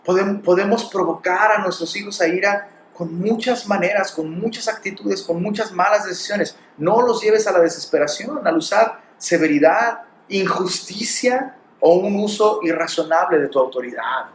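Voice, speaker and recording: A man's voice: sits high, moderate pace, hardly any pauses, roomy sound, slight background noise. A man with a Mexican Spanish accent preaching a sermon, pressing his points with rhetorical questions and acted quotes. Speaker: pastor.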